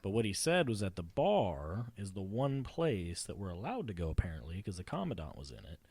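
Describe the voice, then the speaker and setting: A rambling young sailor, sweaty and excitable, played by a man, with a deep voice that swings around a lot. The tone is husky and a little rough. It sounds dry and close, in a comedy audio drama. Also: fairly quick, no echo, exaggerated voice. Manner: breathless rambling storytelling. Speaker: sailor telling a story.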